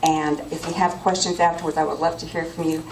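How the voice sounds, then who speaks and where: A woman's voice: low voice, little pitch movement, brisk, noisy background. A woman giving an earnest, appealing campaign speech as a political candidate. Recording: echoey room from far off.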